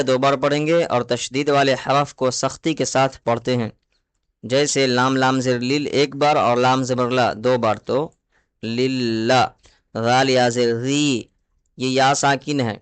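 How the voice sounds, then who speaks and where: A man with a Pakistani Urdu accent teaching Quran recitation, patiently spelling out letters and vowel marks one by one in a slow lesson. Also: mid-range voice, smooth, dry recording.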